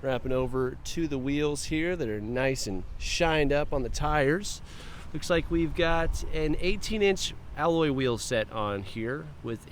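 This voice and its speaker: The recording has a little hiss or hum, and the man speaks in a mid-range voice. He gives a chatty, casual tour of a car for a dealership, starting outdoors and ending in the cabin, with offhand asides to himself.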